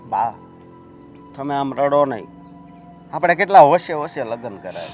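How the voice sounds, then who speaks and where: A young man playing a son who calmly soothes and reasons with his upset mother. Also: mid-range voice, unhurried, soft background music. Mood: reassuring.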